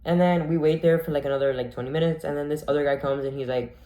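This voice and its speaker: A man's voice: fairly high pitch, fairly even intonation, fast, warm tone. A young man telling a story casually, full of "like" and acted-out quotes. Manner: chatty, full of "like", acts out quoted voices. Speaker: vlogger. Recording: echoey room.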